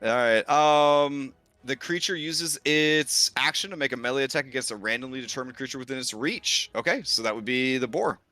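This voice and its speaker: A man's voice: medium pitch, normal speed, hardly any pauses, sharp tone, no room sound, faint music behind. A man as game master, casually narrating a tabletop role-playing game and calling for rolls.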